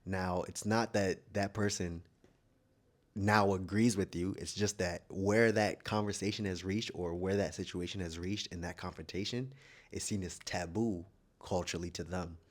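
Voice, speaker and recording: Deep-voiced man, frank vlog talk. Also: steady tone, normal speed. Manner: frank and opinionated, thinking aloud with restarts. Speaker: vlogger. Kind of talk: casual monologue to camera.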